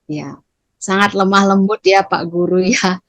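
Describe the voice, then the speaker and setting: A woman's voice: mid-range voice, steady tone, measured pace, no room sound. Woman teacher, middle-aged, staff training talk, dry close sound. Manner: acts out teacher and student lines with shifting intonation. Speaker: teacher presenting training material. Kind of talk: explaining to colleagues in a staff training session.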